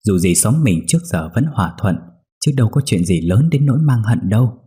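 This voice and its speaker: Man doing an old village elder, low dark voice, fatherly. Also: sing-song, brisk, slightly rough, exaggerated voice. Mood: urgent.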